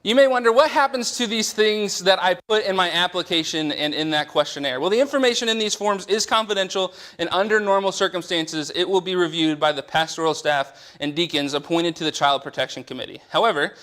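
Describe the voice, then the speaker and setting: A man's voice: a little high, brisk, sharp tone. A man in a church meeting room who reads out child protection policy and then explains it in casual asides. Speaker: church training presenter. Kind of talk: policy training talk.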